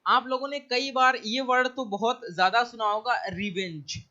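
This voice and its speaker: A man with a Hindi accent teaches English vocabulary in an online exam-prep lecture. His voice is bright and forceful, and he keeps checking that his listeners are following. The recording sounds dull and lo-fi. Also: extremely high pitch, fairly even intonation. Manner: explains each word slowly with repeated checks like "theek hai".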